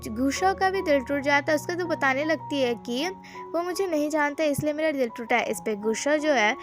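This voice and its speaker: A woman's voice: sits high, moderate pace. A woman casually retelling the plot of a drama episode in a chatty, loose way, with many fillers. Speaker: drama recap narrator. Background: background music.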